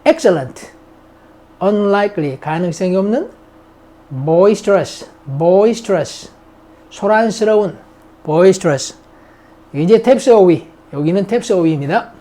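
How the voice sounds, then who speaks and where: A middle-aged man whose first language is Korean, teaching English grammar in a recorded lecture and drilling vocabulary by slowly repeating words for students to echo. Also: sits high, animated, mellow.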